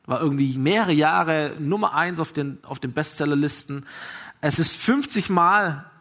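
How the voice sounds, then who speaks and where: A man preaching a sermon, telling a story with emphatic rises and hushed drops. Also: a little high, normal speed. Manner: emphatic, swings from raised to hushed. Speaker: pastor.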